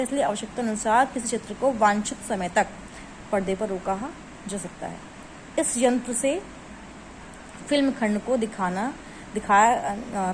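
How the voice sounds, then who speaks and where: Reading formal textbook lines from study notes, a woman with a fairly high voice then re-explains them in everyday Hindi mixed with English words. The recording is rough, with a faint hiss beneath her.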